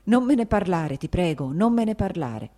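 A woman voicing a proud, hurt young woman who speaks in sharp, agitated outbursts in an audiobook. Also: fairly low pitch, very animated, moderate pace. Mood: indignant. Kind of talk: audiobook dialogue acting.

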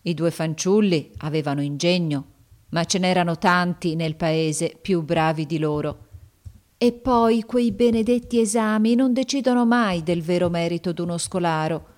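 A woman narrating a children's story aloud in a measured, expressive way. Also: on the low side. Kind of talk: storybook reading.

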